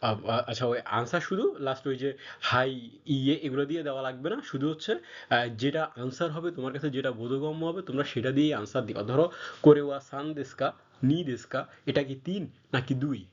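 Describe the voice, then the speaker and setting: A man's voice: medium pitch, brisk, lo-fi sound. A man teaching a beginner Japanese grammar lesson in a casual, patient way, stopping often to check that students follow. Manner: patient, frequent fillers and check-ins.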